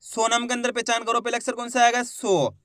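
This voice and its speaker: A man teaching Hindi reading in a slow step-by-step lesson, patiently repeating each word and sounding out syllables. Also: very high voice, level tone, a bit bright.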